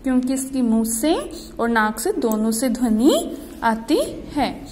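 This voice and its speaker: A woman teaching young children Hindi, reading words slowly and asking them to repeat after her. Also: on the high side, very animated, darkish tone, big-room sound, slight background noise. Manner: slow, drawn-out word-by-word reading with repeated questions. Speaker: primary school Hindi teacher.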